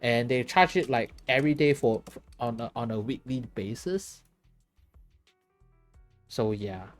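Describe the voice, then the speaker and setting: A man's voice: mid-range voice, unhurried, faint music behind. A tired man chatting casually while streaming a game, laughing often and answering his chat.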